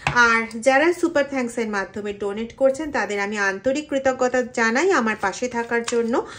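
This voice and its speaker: A woman with a high voice leads a general tarot reading for her viewers. She explains the cards in an animated way, her pitch jumping up on the points she stresses. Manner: chants mantras softly and slowly. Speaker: tarot reader.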